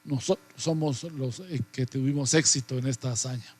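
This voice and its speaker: A man's voice: medium pitch, darkish tone, close to an everyday voice. A man voicing boasting talking arms. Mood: boastful. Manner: boasting, slow.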